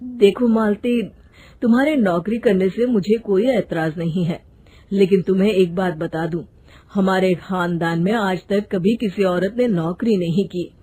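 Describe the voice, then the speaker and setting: A woman voicing a calm, reassuring young husband in a storybook. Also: medium pitch, a little slow, husky. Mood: easygoing.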